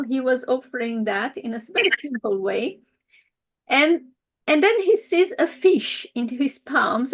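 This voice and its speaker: A woman casually telling an old story, halting and searching for words as she goes. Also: a little high.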